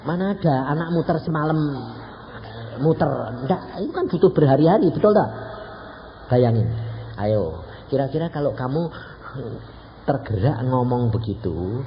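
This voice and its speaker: At a moderate pace with frequent pauses, an elderly Javanese-accented evangelist from Central Java, around 80, tells stories in a lively sermon. He questions the congregation and acts out the dialogue, captured on a dull, low-fi recording with faint noise.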